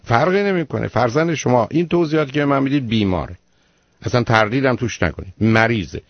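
A man's voice: mid-range voice, animated, no room sound, lo-fi sound. Blunt lecturing man on a call-in show. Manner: blunt, lecturing, full of rhetorical questions. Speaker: radio call-in host, addressed as doctor. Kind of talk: radio call-in advice.

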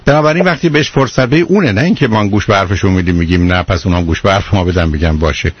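A middle-aged man giving parenting advice to callers on a radio call-in show, in a calm and patient manner. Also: sits low, husky. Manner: calm, patient, explaining at length. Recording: muffled radio broadcast.

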